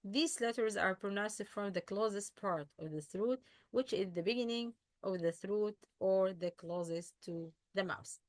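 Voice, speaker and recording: Slow, careful woman teaching with an Egyptian accent. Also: medium pitch, no room sound. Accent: Egyptian Arabic. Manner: switches between English and Arabic, explains letter by letter; demonstrates sounds slowly and repeats them. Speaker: tajweed teacher. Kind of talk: bilingual lesson, translating and explaining.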